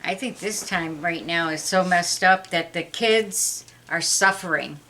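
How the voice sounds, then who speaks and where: Slow-talking bright-voiced middle-aged woman. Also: on the low side. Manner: unhurried, plain, matter-of-fact answers. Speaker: interview guest, mother of the host. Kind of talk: casual family interview.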